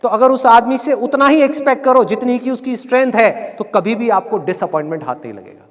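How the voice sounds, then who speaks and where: A man's voice: very high-pitched, animated, brisk. A middle-aged man giving a live motivational talk, chatting with and teasing his audience. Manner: conversational, teasing the audience, mock-scolding with acted quotes. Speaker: motivational speaker. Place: large hall with live audience. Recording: long hall reverb, faint crowd.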